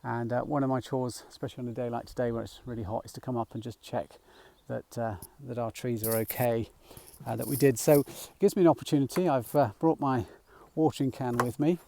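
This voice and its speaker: Gravelly middle-aged man vlogging outdoors. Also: medium pitch, fairly even intonation, brisk, few pauses, a little hiss or hum. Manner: rambling, gentle, with frequent fillers and restarts. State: slightly out of breath. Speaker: nature mindfulness guide. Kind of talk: casual walking vlog. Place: outdoors in a field by a small woodland.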